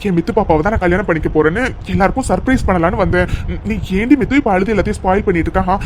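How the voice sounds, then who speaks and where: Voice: medium pitch, racing, a little mellow, slight background noise, lightly acted. A voice actor playing an affectionate young man in a cartoon love story, coaxing and pleading with his fiancée to stop crying. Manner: coaxing, pleading and playfully bossy. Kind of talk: cartoon voice acting.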